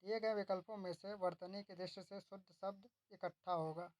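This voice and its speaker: A woman's voice: mid-range voice, steady tone, moderate pace, a little mellow, no room sound, low-quality recording. A woman tutor reads exam questions and their options aloud, then gives the answer and explains why. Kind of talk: reading quiz questions and answers.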